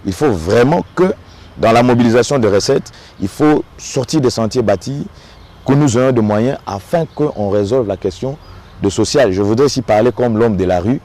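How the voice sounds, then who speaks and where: The speaker is a local notable from the Democratic Republic of the Congo with a Congolese French accent and a dark-toned, medium-pitched voice at normal speed. Interviewed on site about politics, he speaks earnestly and keeps repeating small words as he looks for the next one.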